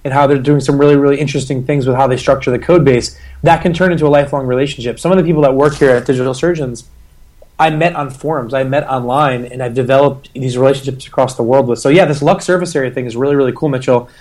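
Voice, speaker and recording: A man's voice: mid-range voice, steady tone, fast talker, a little mellow. A man with a scratchy, sick voice, a guest rambling through a podcast interview with many restarts. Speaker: guest, agency founder.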